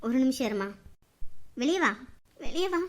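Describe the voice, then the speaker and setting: A woman voicing a protective older father in an animated drama, urgent and commanding. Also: high-pitched, normal speed, voice pushed down. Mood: firm. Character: protective older father, fierce for his daughter.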